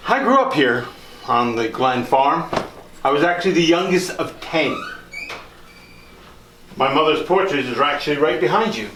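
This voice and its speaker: A man's voice: on the high side, lively intonation, normal speed, long pauses, a bit bright, slight background noise. A man playing a genteel nineteenth-century country doctor, telling his life story in a theatrical, folksy monologue to a live group. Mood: genial, proud. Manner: theatrical, folksy, addressing listeners directly. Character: genteel 19th-century country doctor, proud, reminiscing, later grieving. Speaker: costumed tour performer. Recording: echoey room, live performance.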